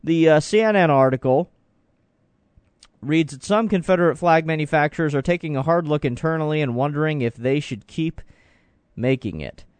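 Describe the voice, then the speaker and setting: On a studio mic with a clean sound and no echo, this radio talk show host from Florida speaks at normal speed in a voice on the high side. Running his morning call-in program, he's earnest and opinionated and frequently starts over mid-thought.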